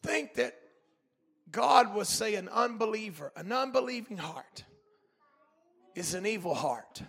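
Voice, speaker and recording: A man preaching a sermon in a church, fervent and shouting in bursts, punctuated with amens and hallelujahs. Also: high voice, big pitch swings, measured pace, vocal fry, husky.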